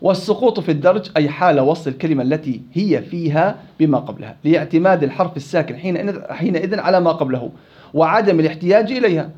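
Male teacher, fairly high, mellow voice, lecturing and quizzing a class; muffled lo-fi recording. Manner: explains rules, then quizzes students. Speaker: Quran recitation teacher.

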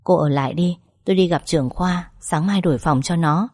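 A woman's voice: lowish voice, a little fast, a little mellow, dry recording, studio quality, lightly acted. A woman reading the lines of a curt, matter-of-fact older mother-in-law.

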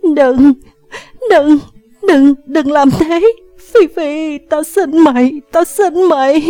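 A woman's voice: high-pitched, takes it slowly, mellow, no room sound, soft background music, voice pushed up. Woman voicing a sobbing grief-stricken teenager. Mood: anguished. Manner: sobbing, screaming, pleading. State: crying. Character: distraught feverish teenager wailing in grief. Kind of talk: audiobook character voice.

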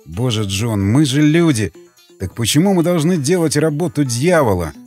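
A man voicing a shaken male co-pilot, low and strained. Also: lively intonation, moderate pace, a little mellow, soft background music, close to an everyday voice. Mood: horrified.

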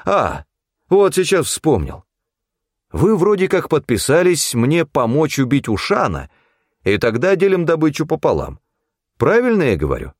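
A tough, cynical hunter voiced by the male narrator who snaps and threatens with a gruff edge. The voice is pushed higher and harder than the reader's narration. A first-person audiobook hero, blunt and menacing. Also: huge pitch swings, moderate pace, dry recording, studio quality. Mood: harsh, angry.

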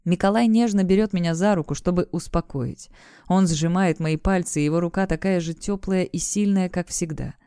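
A woman's voice: on the low side, normal speed, clear, resonant tone, no echo, studio quality. A woman reading a romance novel aloud in the first person as an audiobook narrator. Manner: acts out the shouting parents and lovers in her own voice.

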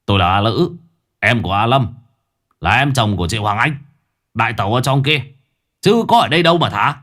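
Brief: narrator as a smirking, slippery young man, mocking, quick, ghost-story audiobook. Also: mid-range voice, expressive, fairly bright tone. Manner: sly, mocking. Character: sly smirking young man, smooth talker.

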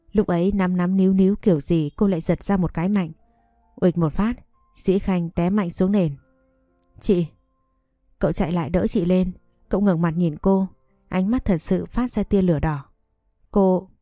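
A woman narrating an audio story with a steady, dramatic reading. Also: on the low side, dry recording, studio quality. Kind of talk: scripted narration.

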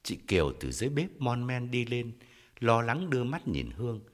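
A man narrating a story in a measured, expressive audiobook style. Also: mid-range voice, long reverb tail.

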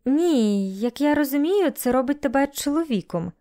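A woman's voice: high-pitched, animated, moderate pace, warm tone, pitched above the performer's own voice. A woman reading the lines of an anxious, earnest young woman who talks hesitantly.

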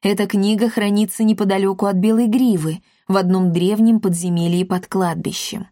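Lady doing a bossy scheming tomcat boss, low and slow, dry close sound. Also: steady tone, mellow, no room sound, close to an everyday voice. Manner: commanding, growling threats. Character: gruff male talking-cat gang leader.

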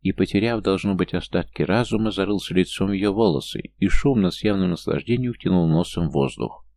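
A man's voice: fairly quick, gravelly, a little mellow. A man narrating a fantasy story as an audiobook reader, voicing all the characters himself. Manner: reads every character's lines himself, lifting his pitch for younger or smaller figures.

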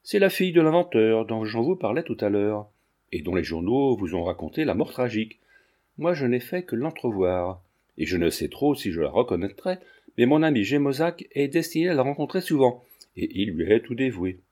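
A chatty young man-about-town talks in a glib, teasing flow, voiced by a male narrator. His voice is mellow and easy. He tends to run on and never quite takes things seriously. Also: medium pitch, big pitch swings, normal speed.

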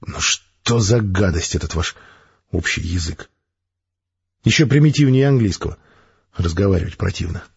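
Brief: gruff, dry-humoured soldier officer, read by a male narrator, husky and lowish, muffled audiobook sound. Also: animated, normal speed, long pauses, darkish tone, full character voice. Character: gruff dryly joking male space major.

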